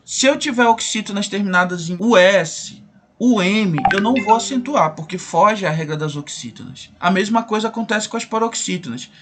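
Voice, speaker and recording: A man's voice: high-pitched, fairly bright tone. A man with a Brazilian Portuguese accent teaching a grammar lesson, asking questions and answering them himself while repeating the rules.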